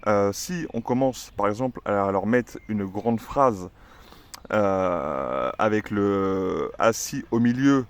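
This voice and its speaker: Un homme qui explique le dressage de son chien en vlog décontracté, avec beaucoup d'hésitations. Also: male voice, lowish voice, expressive, slow. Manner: chatty, many "euh" fillers, gives commands to the dog. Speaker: dog trainer and channel owner. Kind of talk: casual explanatory vlog with a dog.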